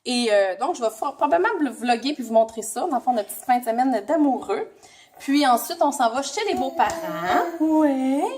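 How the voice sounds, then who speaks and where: A young mother from Quebec talks straight to camera in a casual home vlog, her Québécois French accent plain in every phrase. Her voice sits a little high for a woman, and she rambles along cheerfully, full of little fillers and restarts. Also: animated, moderate pace, darkish tone, slight background noise. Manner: chatty, rambling with many fillers and self-corrections. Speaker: mother and family vlogger. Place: family home indoors.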